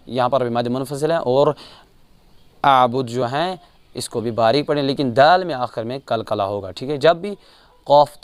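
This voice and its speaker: A man with a Kashmiri accent teaching Quran recitation rules, explaining calmly and chanting each verse slowly, repeating sounds to correct mistakes. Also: medium pitch, clear, resonant tone, no room sound. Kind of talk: tajweed lesson with chanted examples.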